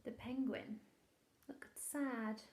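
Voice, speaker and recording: Reading a picture book to small children the way a primary teacher would, a woman speaks expressively and deliberately, slipping in hushed asides. Her voice sits a little high and the sound is reverberant.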